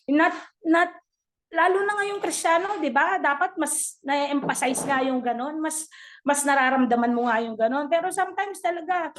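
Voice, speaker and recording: Lady chatting through her testimony, high voice, laughs a lot. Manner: chatty, laughing, mixes English into her talk. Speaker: church member sharing testimony. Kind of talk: casual testimony sharing.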